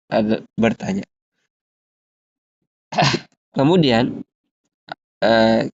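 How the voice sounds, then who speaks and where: A man leads an Arabic lesson at an average pitch. He reads the drill phrases slowly and explains them steadily. The recording sounds dull and lo-fi. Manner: slow, drawn-out drill reading of example phrases, then steady explaining. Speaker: Arabic teacher.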